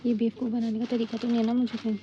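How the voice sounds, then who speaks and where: A woman's voice: fairly high pitch, completely flat delivery, very fast, muffled recording. A young woman vlogging in a chatty, bubbly way, talking straight to her viewers. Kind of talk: casual vlog chat. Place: city streets, shops and home. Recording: noisy street and shop sound.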